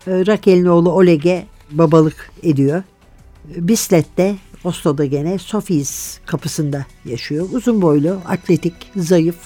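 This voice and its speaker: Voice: mid-range voice, warm tone. A radio host talking casually about a book and its author, chatty, with fillers and asides. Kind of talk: conversational book commentary.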